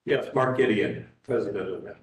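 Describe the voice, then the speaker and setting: Halting man on an echoey courtroom-style recording. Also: on the low side. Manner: halting, with many filler sounds. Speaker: historical society president testifying. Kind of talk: public testimony at a review board hearing. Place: public hearing room. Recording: echoey hearing-room recording from far off, like a courtroom.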